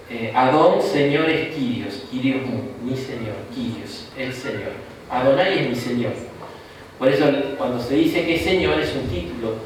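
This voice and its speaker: This bishop leads an informal Bible class in Rioplatense Argentine Spanish, his medium-pitched voice joking and chatty and peppered with questioning "¿no?" tags. The mic sits at a distance in an echoey room, picking up slight background noise.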